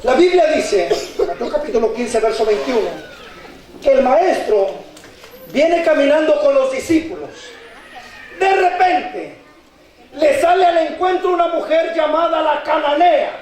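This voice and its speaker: A man preaching a fervent sermon, shouting and calling on the congregation to respond. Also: very high voice, animated, a little slow. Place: church sanctuary. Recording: echoey church hall, from far off.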